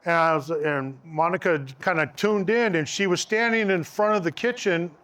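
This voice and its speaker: A man's voice: high-pitched, moderate pace, fairly bright tone. A middle-aged man casually telling his engagement story, rambling with fillers and restarts.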